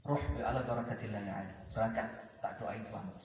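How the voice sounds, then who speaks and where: A preacher voicing a calm, soft-spoken older leader who talks gently and reassuringly. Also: male voice, a little high, brisk, background noise, voice pushed down, natural voice. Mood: gentle. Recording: echoey courtyard loudspeaker from far off.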